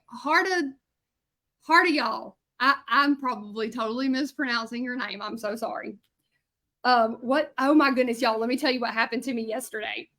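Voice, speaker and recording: A woman in her thirties from Louisiana teaches hand lettering on a livestream, chatting bubbly and casual with viewers in a Southern accent while she works. Her voice is fairly high, pushed and bright.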